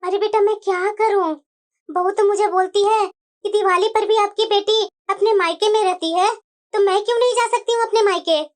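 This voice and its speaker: A woman's voice: extremely high pitch, fairly even intonation, moderate pace, pitched below the performer's own voice. A woman voicing an elderly mother in a cartoon, complaining in a plaintive, whiny way. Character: elderly mother, complaining about her daughter-in-law. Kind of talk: cartoon voice acting.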